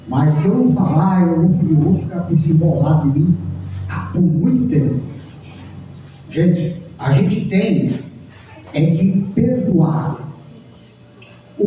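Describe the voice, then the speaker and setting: A man's voice: on the high side, dark tone, a little hiss or hum. A man giving a personal testimony at a Sunday church service, speaking hesitantly and repeating his words. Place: church hall. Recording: echoey church hall, far from mic, dull.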